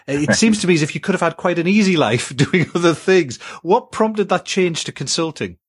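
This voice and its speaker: A man's voice: fairly high pitch, animated, a little fast, husky. A man hosting a podcast, reading a guest introduction and asking questions in a conversational way. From United Kingdom. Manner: conversational, with frequent "um" and warm laughs. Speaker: podcast host. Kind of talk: casual interview.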